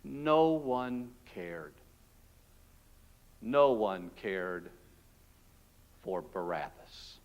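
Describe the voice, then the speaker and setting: A pastor acting out Barabbas, a frightened freed male prisoner, in an emotional, hushed and halting dramatic monologue in a church. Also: sits high, clean tone. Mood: despairing. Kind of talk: dramatic first-person monologue. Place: church sanctuary.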